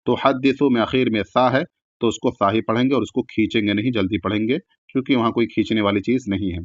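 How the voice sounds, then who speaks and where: A man teaching Quran recitation, chanting each verse slowly with long drawn-out sounds and then explaining the rules quickly in plain speech. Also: on the low side, fairly even intonation, no room sound, lo-fi sound.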